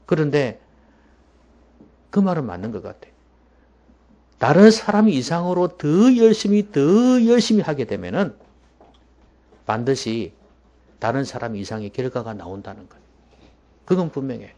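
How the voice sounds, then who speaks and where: Korean pastor guy preaching in church, pitch swings all over, goes hushed for emphasis. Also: very animated, normal speed, long pauses. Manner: emphatic, dropping to hushed asides. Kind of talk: sermon.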